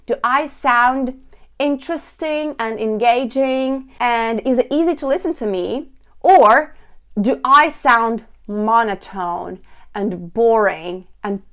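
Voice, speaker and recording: A woman giving an instructional presentation as a public speaking coach, speaking in a clear, deliberate, emphatic way like a speech demonstration. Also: a little high.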